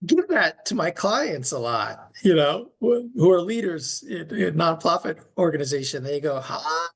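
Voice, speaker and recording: Heard through remote call audio, a middle-aged podcast co-host who is recovering from knee replacement surgery rambles casually, full of fillers and restarts. His fairly high voice is sing-song, gravelly and a bit breathy, at a moderate pace.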